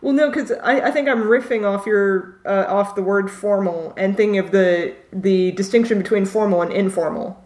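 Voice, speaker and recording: A woman's voice: medium pitch, normal speed, few pauses, darkish tone. A woman co-hosting a casual discussion of literature, talking off the cuff. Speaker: podcast co-host.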